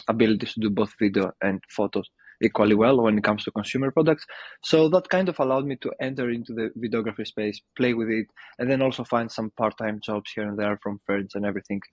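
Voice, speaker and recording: A man's voice: lowish voice, brisk, no room sound. Young guy talking shop, lots of ums, kinda dull dry recording. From Greece. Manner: thoughtful, with many ums and restarts. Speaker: guest, video marketing agency founder. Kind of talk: casual interview answers.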